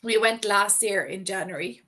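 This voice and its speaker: A startup founder appears as a podcast guest in a casual interview, chatting informally and telling anecdotes although she is unwell and losing her voice. Her voice is mid-range and bright with a forceful tone, at a moderate pace.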